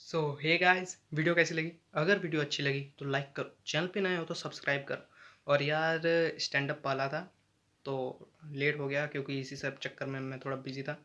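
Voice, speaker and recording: A young man performing a stand-up storytelling monologue and acting out the people in it with lively jumps in his voice. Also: fairly high pitch, moderate pace. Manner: animated, acts out quoted lines with sudden loud jumps. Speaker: stand-up comedian and channel host. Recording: echoey room with faint noise.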